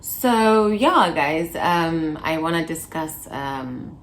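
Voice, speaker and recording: A woman's voice: sits low, expressive, takes it slowly. A woman in her twenties chatting casually to her viewers in a vlog, playful and talkative, breaking into little laughs and snippets of song. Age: 20s. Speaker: vlogger. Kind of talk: casual chat to camera.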